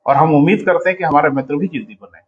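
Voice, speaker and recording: A man's voice: fairly high pitch, fast, narrow, tinny audio. A man teaching in a coaching class, lecturing students sternly and calling them "beta" as he explains.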